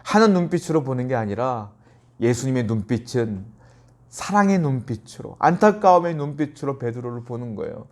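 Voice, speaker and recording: Man, pastor, sermon, middle pitch, hushed acted-out quotes. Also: animated, moderate pace. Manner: acts out quoted lines in a softer, lower voice. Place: church.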